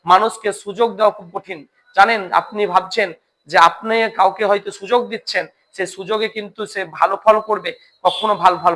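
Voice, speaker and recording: A man's voice: sits high, fairly bright tone. A man teaching at a coaching center, telling a moral story and often asking listeners whether they follow.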